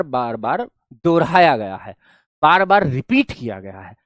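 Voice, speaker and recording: A male teacher runs a grammar lesson with a very lively, swinging pitch. He drills sounds by repeating them and keeps praising his students. His voice is recorded close and dry. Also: no room sound.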